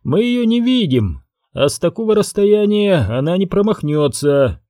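A man's voice: high voice, a little slow, no room sound, studio quality, voice pushed up. A man reading an audiobook, voicing a cold gunman who speaks in an empty voice. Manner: empty, flat.

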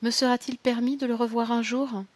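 Brief: female audiobook narrator, measured and expressive, dry studio sound. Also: a little high, no echo. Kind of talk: first-person audiobook narration.

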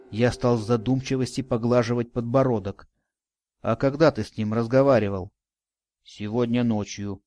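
A man narrating a first-person audiobook in a measured, dryly ironic way. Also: mid-range voice, mellow.

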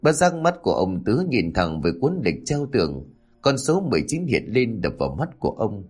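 Low-voiced male storyteller. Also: big pitch swings, moderate pace, a little mellow, slightly rough. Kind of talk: scripted story narration. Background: faint background music.

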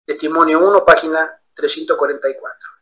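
A man preaching in a sermon-style Bible study, telling stories in an animated way. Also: a little high, brisk, poor audio. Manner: animated storyteller acting out quoted voices.

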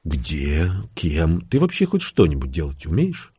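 A man voicing a sardonic, calm older man who speaks low and slow. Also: husky, dry recording, clean studio sound, heavily acted.

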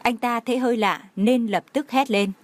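A woman's voice: a little high, normal speed. A woman reading a romance novel aloud as a narrator, voicing every character's lines in her own voice. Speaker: audiobook narrator.

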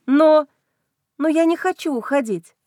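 A woman's voice: high voice, unhurried, a little mellow, dry recording, clean studio sound, pitched above the performer's own voice. Woman voicing an earnest young heroine. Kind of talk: audiobook reading.

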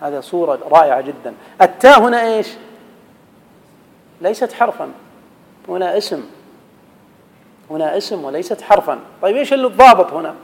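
A man's voice: sits high, animated, fairly quick, creaky, long pauses, big-room sound, poor audio. A man teaching an Arabic grammar lesson, quizzing his students and reciting verse. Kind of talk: classroom lesson.

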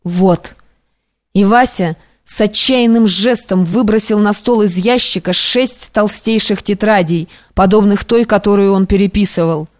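A woman narrating classic prose for an audiobook in a measured, even manner. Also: medium pitch, no room sound, studio quality.

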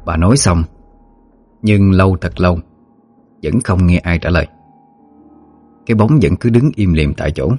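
A man narrating a ghost story in a steady, measured way. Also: deep voice. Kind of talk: scripted horror story narration.

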